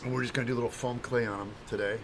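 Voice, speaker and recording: A slightly hungover man with a phlegmy throat, hosting a casual craft livestream in a halting, distracted, apologetic way while he works and chats to viewers. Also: mid-range voice, steady tone, a bit bright, a little hiss or hum. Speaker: livestream host, craft demonstrator.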